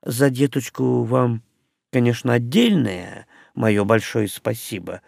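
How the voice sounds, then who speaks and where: A man voicing a shrewd, sharp-tongued witch in an audiobook. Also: mid-range voice, expressive, slow pace, gravelly, dry recording, clean studio sound, full character voice. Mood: wry.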